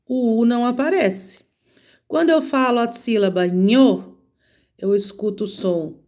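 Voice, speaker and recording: A woman's voice: fairly high pitch, a little mellow. A woman teacher with a Brazilian Portuguese accent, patiently explaining a lesson to children step by step and counting letters aloud. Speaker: schoolteacher. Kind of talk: recorded remote lesson for children.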